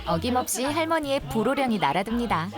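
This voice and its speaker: A woman's voice: fairly high pitch, sing-song, fast talker. A woman reading scripted television documentary narration as a voice-over. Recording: studio voice-over under loud music.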